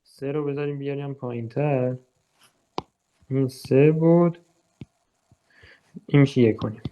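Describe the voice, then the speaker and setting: A man's voice: mid-range voice, mellow, slight background noise. A young man with a Persian accent tutoring physics, chatting his way through exam questions, thinking aloud and checking in with students. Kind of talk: casual exam walkthrough lesson.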